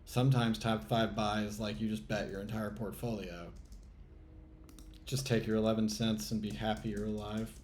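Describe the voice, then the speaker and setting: A man's voice: lowish voice, little pitch movement, normal speed, darkish tone, a little hiss or hum. A man talking to himself while playing a trading game, muttering and sighing in exasperation, swearing at the chart as he commentates live. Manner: muttering exasperated self-talk, swearing, sighs. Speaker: trading channel host.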